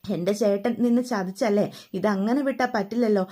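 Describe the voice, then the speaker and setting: A woman's voice: mid-range voice, fairly quick, dark tone, close to an everyday voice. A woman voicing a worried, indignant middle-aged mother who scolds and complains bitterly.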